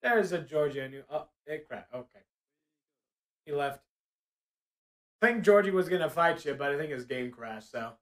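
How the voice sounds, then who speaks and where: A man in casual gameplay chat, playful and excitable, his voice jumping from low mutters to high calls. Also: normal speed, long pauses. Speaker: VR game streamer.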